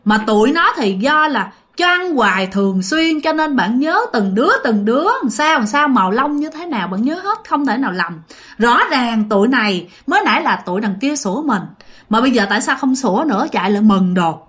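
A woman with a Southern Vietnamese accent narrating a ghost story in casual, conversational style. Her voice sits a little high and swoops expressively. She speaks straight to her listeners. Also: brisk. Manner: animated, chatty, addresses listeners directly.

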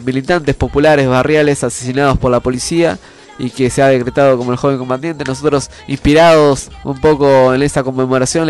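A man's voice: medium pitch, clean tone. A man with an Argentine accent and a nasal voice stuffed up by a cold, hosting a community radio show in a conversational, earnest way. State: congested with a cold. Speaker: radio host. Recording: music playing under the voice.

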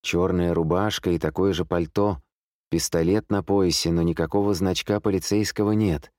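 A man narrating a thriller audiobook in a calm, measured, suspenseful manner. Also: deep voice, dry recording, studio quality.

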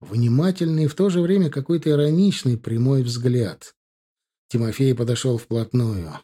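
A man narrating an audiobook in a calm, even storytelling manner, putting on voices for the characters. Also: mid-range voice, moderate pace, husky.

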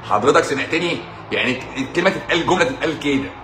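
A man's voice: on the high side, lively intonation, rapid-fire, roomy sound, noisy background. A man with an Egyptian Arabic accent, a doctor hosting a live stream in a casual monologue, mocking and combative, repeating his points for emphasis.

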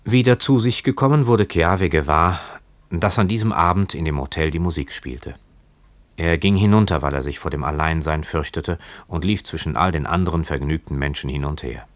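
A man narrating a story as an audiobook, in a measured and dramatic manner. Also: very deep voice, no echo. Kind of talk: audiobook reading.

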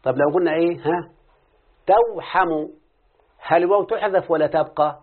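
Egyptian male tutor, fairly high voice, questioning and repeating answers, lo-fi phone-quality recording. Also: normal speed, breathy edge. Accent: Egyptian Arabic. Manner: quizzing, coaxing, repeats answers back. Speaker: teacher of Arabic morphology. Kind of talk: classroom lesson with questions to a student. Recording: phone-like lo-fi audio.

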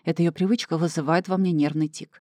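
A woman reads a first-person novel aloud with emotional, emphatic delivery. Her voice is mellow and dark, and the recording is dry and close with no room sound. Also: low-pitched, steady tone, fast talker, no room sound. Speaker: audiobook narrator.

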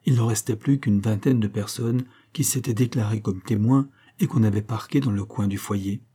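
Brief: male audiobook narrator, husky and dark-toned, deliberate literary reading. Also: lowish voice.

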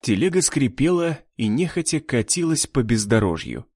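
A man narrating an adventure story in an animated storytelling manner. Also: medium pitch, normal speed, breathy edge, dry recording, studio quality. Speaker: audiobook narrator. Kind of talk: scripted narration.

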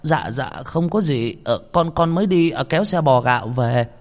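A man's voice: on the high side, expressive, normal speed, in a large hall, pitched above the performer's own voice. A man voicing a nervous, stammering young male servant in a ghost story. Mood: fumbling. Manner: stammering, eager.

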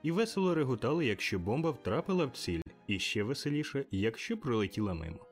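A man giving expressive, measured audiobook narration of a classic tale. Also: medium pitch, soft background music.

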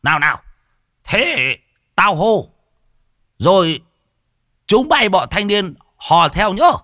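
A man voicing a boisterous, drunk old man who shouts bossy toasts. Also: mid-range voice, huge pitch swings, moderate pace, no echo, studio quality, voice pushed up, exaggerated voice. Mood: rowdy.

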